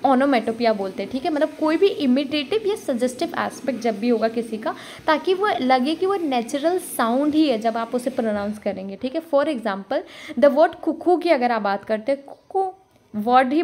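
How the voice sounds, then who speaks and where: A woman's voice: sits high, expressive, normal speed, darkish tone, slight background noise. A woman tutor giving a casual exam-prep lecture, talking freely, checking in with "okay" again and again, and mixing English terms into Hindi. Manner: talkative, repeats "okay" often, mixes English into Hindi.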